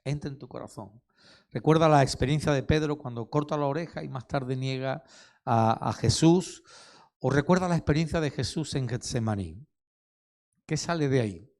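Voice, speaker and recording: A man's voice: medium pitch, moderate pace, darkish tone. A male pastor, preaching a sermon, asking the congregation questions and repeating key phrases for emphasis.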